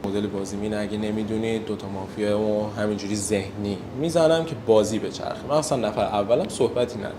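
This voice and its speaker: Low-voiced man playing a party game. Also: fairly even intonation, hardly any pauses, noisy background. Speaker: player.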